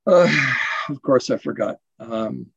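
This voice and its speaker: A man's voice: medium pitch, animated, slow pace, gravelly, husky, no echo, muffled recording. A man from Canada's west coast giving a rambling, self-deprecating talk at a recovery event over a video call, full of fillers and restarts. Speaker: guest speaker at a recovery symposium. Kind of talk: casual personal share over video call. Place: home in Portugal, late at night.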